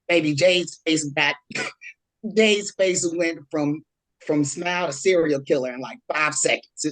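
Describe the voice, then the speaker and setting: A woman's voice: low-pitched, measured pace, low-quality recording. A woman guest on a podcast, telling a story in a dramatic, slangy way. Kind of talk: casual storytelling.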